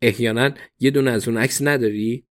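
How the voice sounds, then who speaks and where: A man's voice: medium pitch, fairly even intonation, close to an everyday voice. A man voicing a dry police detective who asks pointed questions in a read storybook. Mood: probing.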